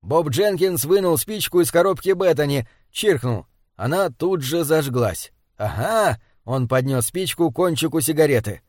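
Guy reading an audiobook, steady and even, kinda high voice, dry close mic. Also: normal speed, no echo. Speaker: audiobook narrator. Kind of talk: scripted narration.

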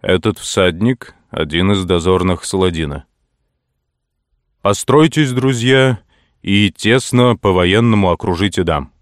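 A man voicing a loud, commanding warrior king. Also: low voice, lively intonation, measured pace, no echo, clean studio sound.

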